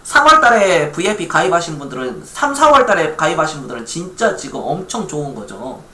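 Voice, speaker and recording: Chatty Korean man, lively pitch, echoey room. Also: fast. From Gwangju, South Korea. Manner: chatty, reads viewer chat aloud, laughs lightly. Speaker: stock investment streamer. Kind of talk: casual live-stream talk.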